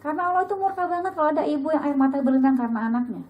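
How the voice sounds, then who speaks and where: A middle-aged woman giving a casual religious talk to a women's study group, lively and chatty, acting out bits of dialogue. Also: very fast, lo-fi sound. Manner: lively, chatty, acts out dialogue with sudden high pitch.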